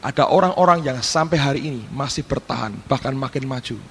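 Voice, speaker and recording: A middle-aged pastor preaching a sermon, acting out Bible scenes in a lively way. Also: male voice, mid-range voice, a little fast, a little hiss or hum. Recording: long hall reverb.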